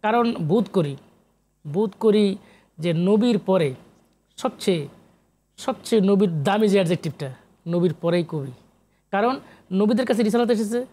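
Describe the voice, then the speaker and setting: This man from Comilla, Bangladesh, a poet and researcher, has a mellow voice that sits high as he speaks as an interview guest. His talk is emphatic and repetitive, dotted with rhetorical questions and English words.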